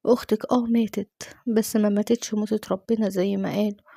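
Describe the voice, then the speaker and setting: Whispered role-play: hushed young Egyptian girlfriend sharing a secret, quick and close, voiced by a woman narrator, dry sound. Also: mid-range voice, flat delivery, creaky, no room sound. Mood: secretive. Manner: hushed, urgent.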